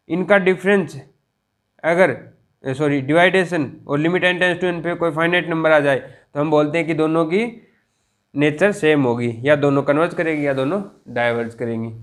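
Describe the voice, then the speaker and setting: A male teacher works through a math lecture at a very slow, deliberate pace. His voice sits slightly higher than most men's, and he keeps stopping to ask whether the class has understood. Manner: slow, drawn-out dictation with frequent check-ins.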